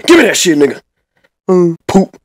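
Man doing a low-voiced crude monkey, silly redub. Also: normal speed, lightly acted. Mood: greedy, excited. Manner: profane, slangy street talk with sudden yelps. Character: crude, greedy male caged monkey begging for bananas. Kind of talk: silly mismatched comic redub of animal footage. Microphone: voice-over recorded apart from the pictured zoo. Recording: noisy amateur voice-over with clicks.

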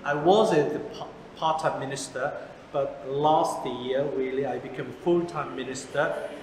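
A man in his forties, originally from South Korea, a pastor speaking in halting second-language English with many fillers, interviewed in a church hall. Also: medium pitch, a little mellow, a little hiss or hum. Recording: echoey hall with background music.

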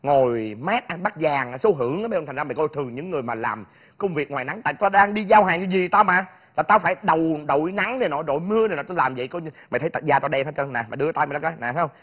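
Prickly delivery dude, rapid fire, a bit high. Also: male voice, lively intonation, fairly bright tone, husky. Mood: explaining. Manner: accusing, bickering. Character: touchy young male delivery worker, quick to take offense. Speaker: actor in a health skit. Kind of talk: comic TV skit.

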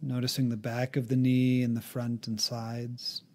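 A man in a mid-range voice talks listeners through a meditation. He sounds calm and instructs gently, taking long pauses between phrases.

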